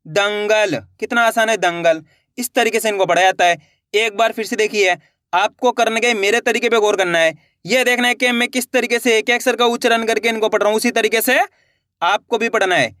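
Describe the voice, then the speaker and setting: A man's voice: high-pitched, bright, forceful tone, no room sound, studio quality. A man teaching an online reading lesson, patiently repeating each word and sounding it out syllable by syllable while encouraging his viewers. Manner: addresses viewers directly and encouragingly.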